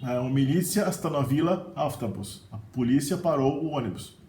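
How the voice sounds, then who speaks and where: A middle-aged language teacher with a Brazilian Portuguese accent speaks with a medium-pitched, dark voice at normal speed, slight background noise present. His casual video lesson on vocabulary is chatty, often ending sentences with a questioning "né?", and the recording has roomy echo and faint ambience.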